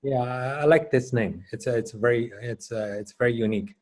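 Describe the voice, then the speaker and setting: A man's voice: medium pitch, steady tone, a little fast, darkish tone. A male host puts questions to his guest over a video call. He speaks politely and hesitantly, with frequent fillers as he frames each question. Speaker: host, interviewer. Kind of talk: interview questions.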